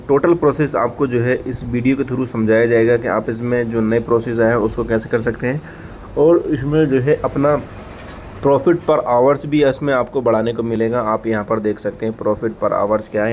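A tech tutorial host records a casual screen walkthrough of an app, explaining each step in a relaxed way at normal speed and repeating fillers constantly, especially "ठीक है". His mid-pitched voice sounds slightly dull and lo-fi, with a faint noise running underneath throughout.

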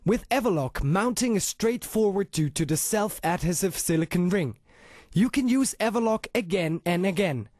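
A man narrating a scripted hard-sell infomercial as an announcer, with an emphatic pitch full of rhetorical questions. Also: animated, normal speed, a little mellow, dry recording, clean studio sound.

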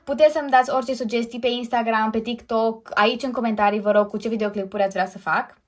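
A woman's voice: fairly high pitch, fairly even intonation. A young woman, chatting casually and hesitantly as the host of her own vlog. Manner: chatty and hesitant, many fillers and self-corrections. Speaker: YouTuber host. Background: background music.

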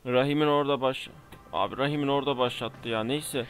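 A man's voice: mid-range voice, steady tone, a little fast. A young man giving casual let's play commentary, exasperated and exclaiming, talking back at enemies on screen. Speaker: gamer. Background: faint game music.

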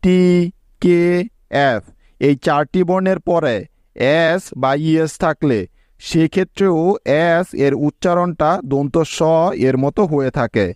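A man gives a slow, patient pronunciation lesson, spelling each example letter by letter and pausing to check understanding. His voice sits a bit high and his delivery is very unhurried. The sound is dry and close, with no room echo. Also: a little mellow, clear, resonant tone. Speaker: English pronunciation teacher.

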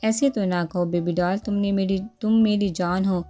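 A woman's voice: mid-range voice, fairly even intonation, normal speed, mellow, soft background music, natural voice. A woman reading the lines of a playful, affectionate young husband in a storybook dialogue. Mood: teasing. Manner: playful, coaxing.

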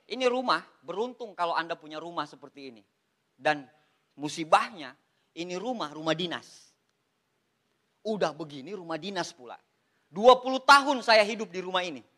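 Lively, bright-voiced Indonesian man on stage. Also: sits high, normal speed, long pauses. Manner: lively, joking, addresses listeners as Pak. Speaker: motivational speaker at a business seminar. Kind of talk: animated seminar talk to an audience.

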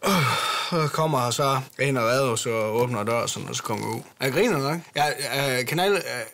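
A man's voice: medium pitch, vocal fry, a bit bright. A man telling a crude comic story in a rambling way, full of fillers. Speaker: comedy character explaining.

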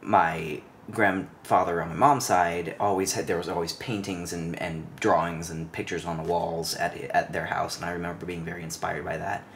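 His voice is low-pitched and moderately paced, with hardly any pauses and some slight background noise. The young man, in his twenties, is a cinematographer and actor guesting on a podcast, rambling through childhood tales on a living room couch into a studio mic on a stand, lively but full of fillers and restarts.

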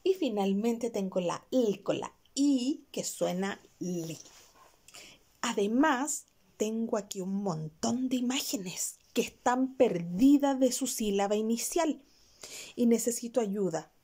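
Slow, mellow-voiced kindergarten teacher. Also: female voice, a little high, expressive, breathy edge. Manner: slow, drawn-out sounding of syllables, coaxing questions to children. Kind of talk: video lesson for young children.

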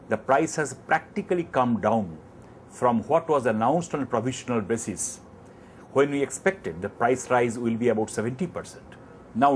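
A man's voice: mid-range voice, a little hiss or hum. Indian man explaining figures on a lapel mic. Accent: Indian English. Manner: measured, detailed, with repeated numbers and restarts. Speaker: company chairman, guest. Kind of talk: explanatory business interview. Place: office with armchair, indoors.

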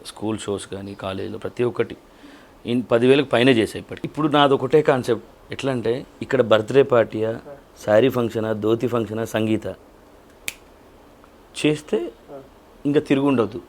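A man in his thirties with a Telangana Telugu accent, an event organizer and mimicry artist answering interview questions in a casual, lively storytelling way. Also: medium pitch, fairly quick, long pauses. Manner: lively storytelling with colloquial dialect.

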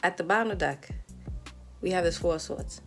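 A woman's voice: lowish voice, a little fast, soft background music. Chatty woman giving a tarot reading. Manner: chatty, animated, laughs often, talks straight to the viewer. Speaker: tarot reader.

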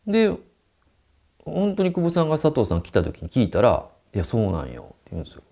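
A man's voice: fairly high pitch, wildly swooping pitch, quick pace, warm tone. A man telling a ghost story and acting out the quoted dialogue.

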